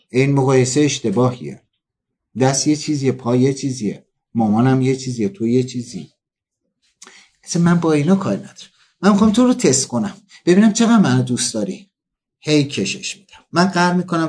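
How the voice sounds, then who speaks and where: A man's voice: mid-range voice, breathy edge. A man delivering a comic storytelling monologue, acting out the people he quotes. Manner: animated, acts out quoted dialogue.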